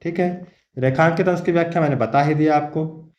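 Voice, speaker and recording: A man's voice: fairly high pitch, steady tone, fairly quick, darkish tone, echoey room, highs cut off. A male teacher giving an exam-preparation lecture, reading verses aloud and then explaining them, and calling his students his dear children.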